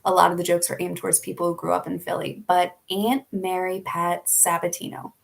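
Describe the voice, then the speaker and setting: Brisk and monotone, her lowish voice carries vocal fry. She's a young Philadelphian with a Philly accent who casually responds to viewer questions during a live stream, laughing plenty along the way.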